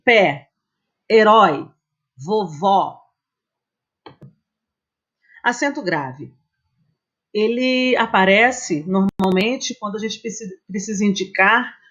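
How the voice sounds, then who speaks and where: A woman teacher, giving a slide-based grammar lesson in a patient, explaining manner and often checking in with her students. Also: medium pitch. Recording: dull, muffled lo-fi recording.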